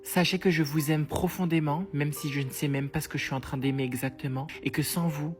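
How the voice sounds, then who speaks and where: A woman reading a mock-sincere letter to her followers in a deadpan, soft manner. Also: sits low, a little fast, soft background music. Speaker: comedy creator.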